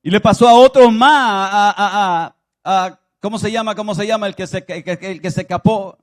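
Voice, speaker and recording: A pastor preaching a sermon, moving from loud exclaiming to soft confiding speech and acting out biblical voices as he tells the stories. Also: high-pitched, normal speed. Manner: acts out biblical voices in his telling.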